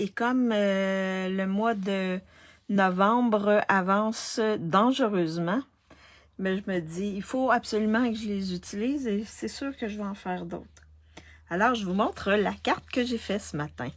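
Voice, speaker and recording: A retired woman, casually chatting on a live card-making stream and greeting viewers by name, with lots of fillers and restarts. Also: medium pitch. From Canada. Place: home craft workspace. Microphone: laptop webcam on a desk.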